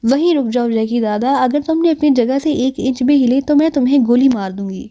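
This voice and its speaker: A woman's voice: high voice, mellow, close to an everyday voice. A woman voicing a frightened young woman in an audiobook who speaks in a tense, urgent way. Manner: pleading, then cold and hard.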